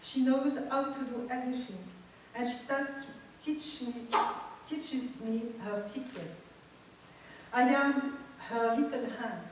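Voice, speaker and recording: Woman, slow and slightly high, reading a memoir from a distant mic in a big echoey hall. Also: fairly even intonation, noisy background. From Tunisia. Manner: measured, reflective storytelling. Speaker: guest speaker. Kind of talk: reading a personal memoir aloud. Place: large event hall.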